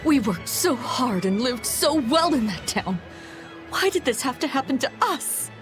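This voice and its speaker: Female refugee: game role, bitter, dramatic, high voice, light music underneath. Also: big pitch swings, a little slow. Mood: anguished. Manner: earnest, dramatic. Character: distraught, bitter female refugee from overrun town. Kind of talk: video game voice acting.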